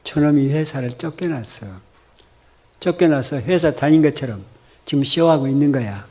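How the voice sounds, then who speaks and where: A man voicing a worn-out, ill young wife who talks in a blunt, rough way while telling a story in a sermon. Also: a little high, normal speed, dark tone, lightly acted. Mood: suspicious.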